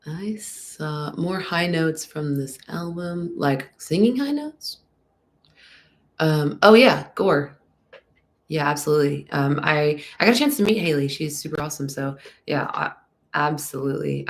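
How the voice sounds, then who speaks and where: Young woman, low gravelly voice, congested, slight lisp, rambling casual Q&A chat. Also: unhurried. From Texas. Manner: chatty, rambling, many ums. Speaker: band singer answering fan questions.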